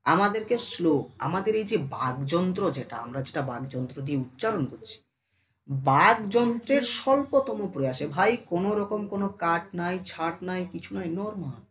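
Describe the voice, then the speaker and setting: A teacher giving a casual online class who speaks familiarly to the students, keeps asking if they follow, and slows down to sound out syllables one by one. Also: mid-range voice, lively intonation, a bit bright. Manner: addresses students familiarly, asks them constant check questions.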